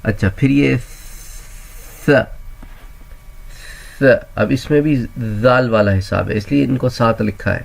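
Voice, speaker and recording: A man's voice: medium pitch, creaky, long pauses. A man teaching a Quran reading lesson, patiently sounding out letters and repeating each sound as a drill. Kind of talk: slow step-by-step phonics lesson.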